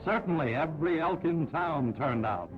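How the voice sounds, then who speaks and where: A man narrating an old 1940s newsreel in a brisk, upbeat announcer style. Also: a little high, expressive. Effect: old newsreel sound. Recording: dull lo-fi 1940s film audio with music.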